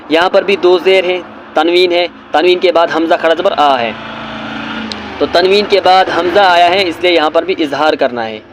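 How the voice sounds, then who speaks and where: A man teaching beginners Quran reading, spelling Arabic letters and syllables one by one, then reciting the words slowly and drawn out, with patient explanations in between. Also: fairly high pitch, a little hiss or hum.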